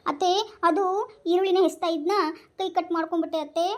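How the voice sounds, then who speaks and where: A woman's voice: extremely high pitch, steady tone, a little mellow, voice pushed down. A young woman playing a whimpering young daughter-in-law with a hurt hand. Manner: whimpering, rushed explanations.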